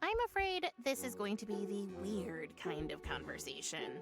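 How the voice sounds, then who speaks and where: A woman's voice: medium pitch, wildly swooping pitch, normal speed, over loud music. An actress voicing a dry, sardonic young girl in a video game, wry and unimpressed.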